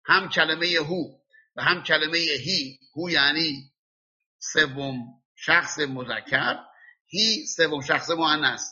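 A husky man with a bright, slightly high voice gives a classroom lesson on scripture. He explains step by step, spelling out letters and how they are read. The recording sounds dull and lo-fi. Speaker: religious teacher.

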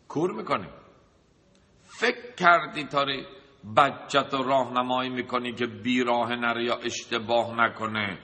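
Male preacher who talks through lists and rhetorical questions, with a forceful bright voice and a long hall echo. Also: mid-range voice. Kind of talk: sermon with a told anecdote. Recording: long reverb of a large hall.

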